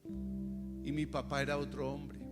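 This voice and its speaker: A man with a Colombian accent, a pastor telling a personal testimony in a sermon, earnest, sometimes hushed and sometimes fervent. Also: a little high, completely flat delivery, takes it slowly. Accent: Colombian Spanish. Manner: earnest storytelling, dropping to hushed tones and rising to fervent shouts. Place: church service. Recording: reverberant hall with music underneath. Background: instrumental music.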